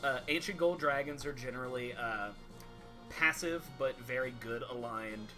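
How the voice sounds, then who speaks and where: A man working as game master, casually narrating a tabletop game in halting, improvised explanations. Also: mid-range voice, over music.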